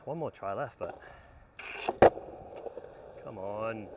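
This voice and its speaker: A man's voice: lowish voice, slow, dull audio, heavy background noise. A man in his thirties talking to himself between skateboard attempts outdoors, self-coaching and worn out, recorded on a camera set up at a distance. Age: 30s. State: tired and worn out. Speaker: skateboarder vlogger. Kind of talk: casual self-talk while filming. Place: outdoors at a skate spot in strong sun. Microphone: camera mic set up at a distance.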